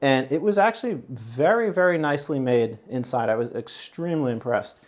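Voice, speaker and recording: A man's voice: medium pitch, animated, brisk. Chatty man rambling through an unboxing. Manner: rambling, chatty, many fillers and restarts. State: out of breath. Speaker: YouTube channel host. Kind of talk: casual unboxing and product review.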